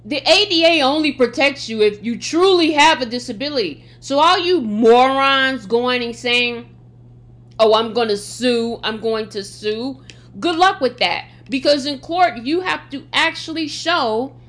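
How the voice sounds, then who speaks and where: A woman's voice: high voice, fairly bright tone. A woman hosting a solo podcast, speaking bluntly and emphatically with a slight lisp from sores in her mouth. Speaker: podcast host. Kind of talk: opinionated solo podcast talk.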